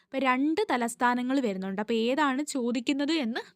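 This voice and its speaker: A woman coaching students for an exam. She talks in a fairly high voice and drills each fact over and over, asking questions and answering them herself. The recording is close and dry. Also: a little fast, no echo. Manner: repetitive, drills facts, asks and answers her own questions. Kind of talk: exam-prep lesson.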